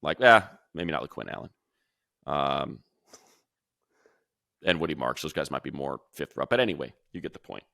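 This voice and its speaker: With a gravelly bass voice and a sharp tone, this male radio play-by-play announcer co-hosts a laid-back football podcast. He speaks expressively at a normal pace with long pauses, chatting away and reeling off long lists of player names. The studio sound is clean, with no room sound.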